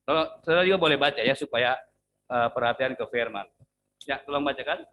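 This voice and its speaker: A man's voice: mid-range voice, a little fast, sharp tone, a little hiss or hum, low-quality recording. A male pastor preaching a sermon in a church in a casual, joking way, and asking the congregation to read along.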